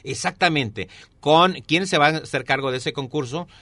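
Answering an interviewer at a moderate pace, a former newspaper columnist now running for mayor speaks in a sharp, somewhat high voice with a Mexican accent. The middle-aged man is emphatic, repeating key phrases to give them weight. There's no echo.

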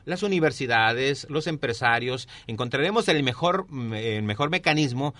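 Expressive and emphatic, a middle-aged mayoral candidate with a Mexican accent pitches his campaign in interview answers, repeating key phrases for weight. He once wrote a newspaper column. His medium-pitched voice is pushed and bright, at normal speed, in a dry recording.

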